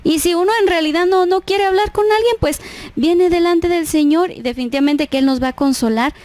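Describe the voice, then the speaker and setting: Lady preaching to the women, high voice, dry close sound, keeps asking "right?". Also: brisk, darkish tone, no room sound. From Guatemala. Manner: earnest, tags phrases with "¿verdad?". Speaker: church speaker. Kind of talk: women's devotional talk.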